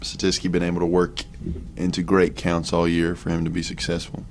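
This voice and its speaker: A young man calling a college baseball game play by play, relaxed and chatty, with offhand asides between pitches. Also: brisk, a little hiss or hum. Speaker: play-by-play announcer. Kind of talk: sports commentary.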